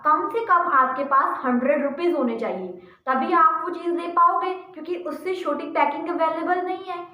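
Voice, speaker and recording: A woman's voice: high voice, sharp tone, roomy sound, rough recording. A woman with an Indian accent teaching a physics lesson, explaining in Hindi mixed with English terms and answering her own questions. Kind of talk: classroom lecture.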